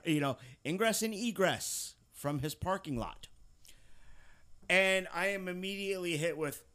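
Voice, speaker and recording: A man from Pennsylvania hosting a podcast, telling a work story casually and with plenty of swearing. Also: on the high side. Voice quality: profane, animated storyteller. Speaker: podcast host.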